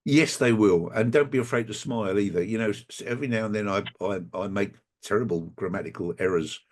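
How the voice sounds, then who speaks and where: A man, a guest in a conversational interview, telling wry anecdotes in a halting way over a remote call. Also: lowish voice.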